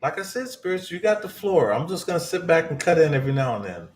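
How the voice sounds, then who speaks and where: A man's voice: fairly high pitch, very animated, quick pace, slight background noise. A man hosting a livestream, chatting casually in a folksy, joking way to viewers and spirits. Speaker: livestream host.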